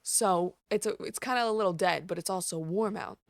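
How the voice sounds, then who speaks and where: Gravelly-voiced woman telling blunt stories. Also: mid-range voice, fairly quick, no echo, studio quality. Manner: blunt, profane, animated storytelling. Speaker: podcast host. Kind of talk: casual storytelling monologue.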